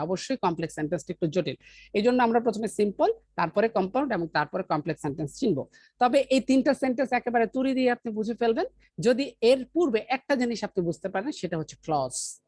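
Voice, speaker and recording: A woman teaching an English grammar lesson, explaining step by step, asking the class questions and reading example sentences very slowly. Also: mid-range voice, a little mellow, dry recording.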